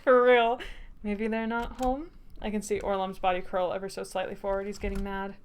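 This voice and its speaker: A woman streamer narrating a story game aloud in a steady storytelling voice. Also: medium pitch, a little fast.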